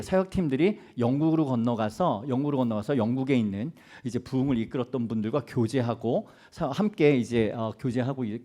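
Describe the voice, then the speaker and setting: A man's voice: fairly high pitch, dark tone. Man, missionary preacher, conversational sermon, chatty storytelling, asides to the congregation. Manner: chatty, many fillers and restarts, asides to the audience.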